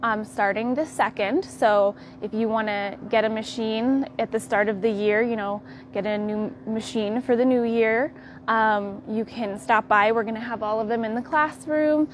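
A young woman with an American accent hosting a live tour of a quilt fabric shop, walking the aisles and showing products in a friendly, unhurried way. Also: fairly high pitch, fairly even intonation, slight background noise. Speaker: quilt shop staff host.

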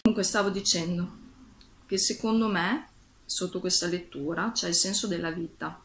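A woman's voice: lowish voice, fairly even intonation, moderate pace, a little hiss or hum. A woman casually reading a storybook aloud and reflecting on it, in a thoughtful, slightly hesitant way.

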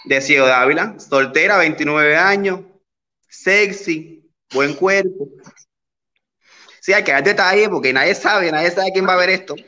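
A man's voice: high-pitched, a little slow, pushed and bright, muffled recording. A man voicing a brash, flirty single Cuban woman in her late twenties, with a Cuban accent and a boastful, playful manner over a video call. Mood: sassy.

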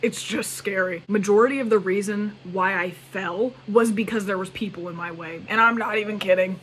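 Animated young woman telling a story. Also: mid-range voice, normal speed. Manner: animated, exclamatory retelling with quoted asides. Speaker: vlogger. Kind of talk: casual storytelling vlog.

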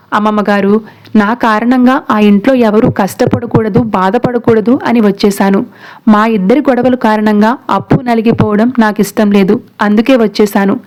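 A woman narrating a recap of a TV serial, telling the story and acting out each character's dialogue in a lively way. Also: medium pitch. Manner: lively, shifts between narration and acted dialogue.

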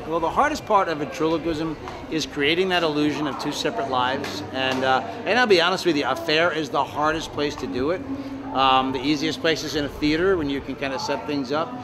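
A man's voice: on the high side, a little fast, background noise. An American man in his sixties, chatting in an upbeat, casual interview as a ventriloquist. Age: 60s. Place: large open-sided fairground shed.

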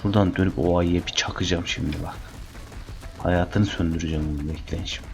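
A young man casually narrating his own gameplay, chatty and teasing the creatures on screen, getting excited during fights. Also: deep voice, quick pace, vocal fry, soft background music. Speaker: gaming channel host. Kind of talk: casual let's-play commentary.

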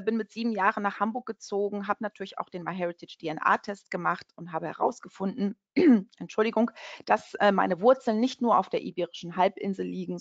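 A woman's voice: mid-range voice, creaky, no room sound, muffled recording. A woman from Portugal hosting an online webinar in a friendly, chatty way, with many fillers and restarts. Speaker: webinar host. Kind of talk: casual webinar presentation.

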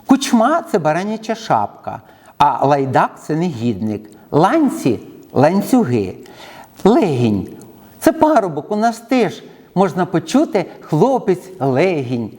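Man lecturing slowly in a reverberant room. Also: fairly high pitch, darkish tone. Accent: Ukrainian. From southern Ukraine. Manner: measured, lists words with definitions, frequent hesitation sounds. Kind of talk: lecture on dialect words.

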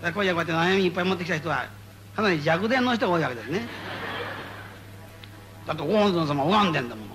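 A man giving spoken Buddhist guidance to a gathering, playful and animated, repeating phrases for emphasis. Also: on the high side, a little hiss or hum. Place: meeting before a live audience.

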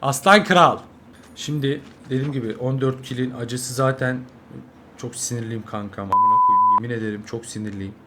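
A young man, a mobile game streamer, giving live gameplay commentary, swearing constantly and swinging from angry yelling to low muttering. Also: normal speed. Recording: noisy game audio behind.

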